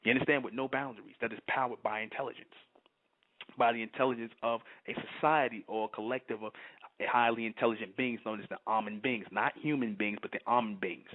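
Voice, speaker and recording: A man's voice: mid-range voice, steady tone, fast talker. Fiery preacher-like man on a tinny line. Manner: fiery, repeats "you understand?", works himself up. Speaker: channel host giving a spiritual talk. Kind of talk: impassioned monologue. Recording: tinny phone-like audio.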